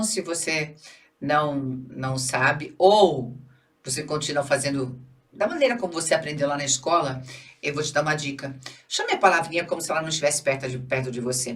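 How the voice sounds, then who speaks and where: A woman's voice: deep voice, fairly bright tone, recorded from a distance. A Brazilian woman teaching Portuguese for a public exam, explaining step by step, checking in with the listener and stretching syllables to show word stress. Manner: didactic, checks in with "tá bom?" and "certo?". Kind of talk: exam-prep grammar lesson.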